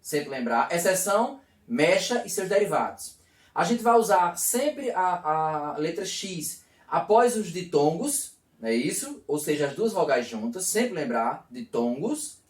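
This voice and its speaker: Lively male teacher in an echoey room. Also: on the high side, distant mic. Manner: explains step by step, asks and answers his own questions. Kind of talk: video lesson.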